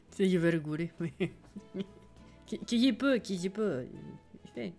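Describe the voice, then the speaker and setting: A woman's voice: medium pitch, animated, slow, mellow. Chatty woman streamer over faint music. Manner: chatty, laughs often, reads chat aloud. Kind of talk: casual live-stream chat while playing.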